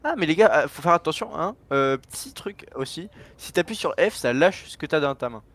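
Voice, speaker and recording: Young guy streaming a game w his buddy, super animated, slangy and teasing. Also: on the high side, fairly quick, no room sound. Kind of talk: casual gaming commentary with a friend.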